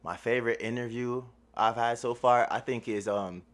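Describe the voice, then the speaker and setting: This man from Jamaica, a media platform owner, talks casually as an interview guest in a slightly bright mid-range voice. His pace is moderate, his intonation fairly even, and his easygoing slang leans on "you feel me."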